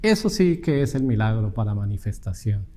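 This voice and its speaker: A man's voice: lowish voice, very animated, moderate pace, warm tone, in a large hall. A man preaching a sermon in an earnest teaching tone, asking the congregation rhetorical questions.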